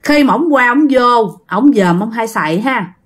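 A woman's voice: on the high side, a little slow. A woman with a Southern Vietnamese accent telling a ghost story, talking straight to her listeners. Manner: animated, addressing listeners directly.

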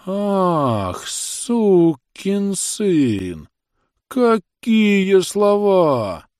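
A man voicing a brutal, shrill rural police officer who shrieks and turns hoarse. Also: very animated, takes it slowly, no room sound, studio quality, heavily acted. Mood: outraged.

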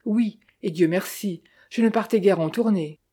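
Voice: medium pitch, normal speed, mellow, husky, natural voice. A narrator reading the lines of a proud aging stage actress who boasts about her glory days in a storybook reading. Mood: reminiscing. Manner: boastful, genteel.

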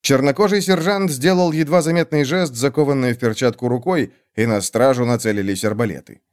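A man narrating a fantasy audiobook with an expressive reading. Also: medium pitch, fairly quick.

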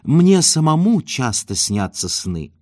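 A man's voice: a little high, big pitch swings, takes it slowly, darkish tone, pitched above the performer's own voice. Ostap Bender, a man playing a breezy con man. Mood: soothing. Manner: breezy, confident, good-humoured. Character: smooth, self-assured young male con man.

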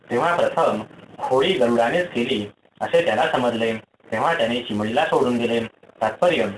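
A man narrates fables for an audiobook, steady and measured. His voice sits at a middle pitch and rings with roomy reverb, with faint noise underneath. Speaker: audiobook reader.

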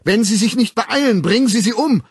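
A man voicing a panicky, indecisive man who shouts shrilly and frantically for help. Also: high-pitched, expressive, brisk, breathy edge, no room sound, clean studio sound, voice pushed up, exaggerated voice. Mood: frantic.

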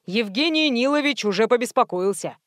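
A woman's voice: fairly high pitch, lively intonation, fairly quick, dry recording, studio quality, close to an everyday voice. A woman reading an audiobook, voicing an overly polite, flustered male estate manager with an old-fashioned, obsequious courtesy. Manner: flustered, bleating when pressed.

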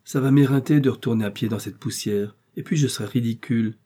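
A man's voice: mid-range voice, brisk, warm tone, lightly acted. A man voicing a fussy, wealthy husband who grumbles in a sulky, put-out way. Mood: grumpy.

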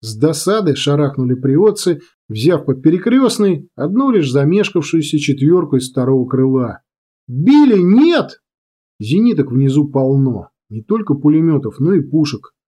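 A man narrates an audiobook with dramatic storytelling, his pitch rising and falling in a lively way. His voice is dark and mellow, with a husky edge. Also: moderate pace, hardly any pauses. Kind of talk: scripted narration.

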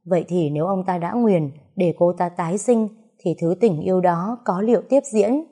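A woman's voice: on the low side, moderate pace, mellow, slightly rough. A woman doing a ruthless serpent noblewoman. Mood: commanding. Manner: commanding, ruthless. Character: imperious snake-clan noblewoman, mother of prince.

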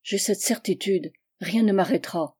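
A passionate young man, voiced by a woman narrator presses his feelings with forceful insistence. The tone stays mellow and warm. It is an audiobook reading of a novel. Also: mid-range voice, moderate pace, breathy edge, natural voice. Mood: insistent.

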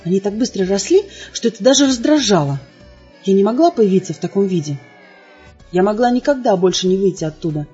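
A woman's voice: mid-range voice, lively intonation, a little fast, dark tone, slightly rough. A woman reading a first-person audiobook in an emotional, dramatic way. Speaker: audiobook narrator. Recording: dull lo-fi sound with faint music.

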